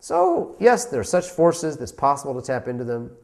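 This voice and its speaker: Rabbi guy giving a talk, voice bounces all over, medium pitch, tells stories. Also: huge pitch swings, moderate pace. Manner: storytelling, emphatic rhetorical questions. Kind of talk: inspirational talk.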